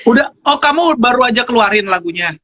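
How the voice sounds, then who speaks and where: A man's voice: extremely high pitch, expressive, a little fast, pushed and bright, lo-fi sound. A man in his thirties chatting casually and teasingly as a guest on a phone live stream. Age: 30s. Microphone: phone on a live video stream.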